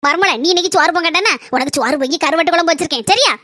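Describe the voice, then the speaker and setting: A woman's voice: very high voice, very fast, bright, forceful tone, dry recording, clean studio sound. A woman voicing a chatty, caring village mother-in-law in a cartoon, with a southern Tamil Nadu village dialect. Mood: doting. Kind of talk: cartoon voice acting.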